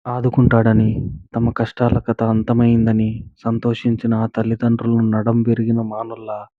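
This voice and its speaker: A man narrating a moral story in a steady, even storytelling manner, recorded on a tinny, dry line. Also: mid-range voice, normal speed, no echo.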